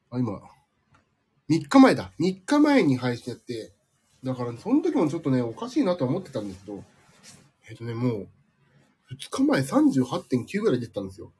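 Husky, lively-pitched man, a bit nasal. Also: fairly quick, pauses often. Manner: rambling, sleepy, self-deprecating. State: slightly nasal from a cold. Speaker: livestream host. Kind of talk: casual live-stream chat reading listener comments.

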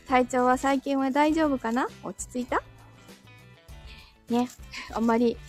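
A woman's voice: high voice, steady tone, takes it slowly, soft background music. A woman hosting a casual live stream from home, chatting with listeners, reading their comments aloud and laughing often between phrases. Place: indoors at home.

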